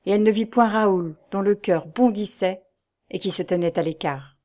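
A woman narrating an audiobook of a 19th-century novel in a measured, clear literary reading. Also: mid-range voice, darkish tone.

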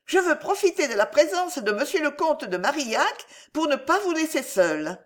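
Woman putting on a shrill old aunt. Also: big pitch swings, normal speed. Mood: fussy. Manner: loud, shrill. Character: chatty old aunt, loud and fussy.

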